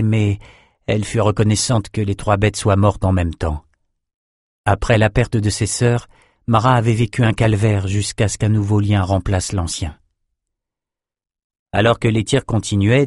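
A man reading a fantasy audiobook in a steady, measured storytelling voice. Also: lowish voice, no room sound, clean studio sound. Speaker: audiobook narrator. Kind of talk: scripted narration.

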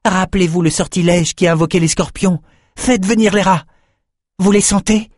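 A quick-witted young woman mage, voiced by a man reading aloud, raised well above his own voice. She talks briskly and urgently to her friends. Her lines come across dry and close, with no room sound. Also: sits high, darkish tone, no room sound, pitched above the performer's own voice. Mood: commanding.

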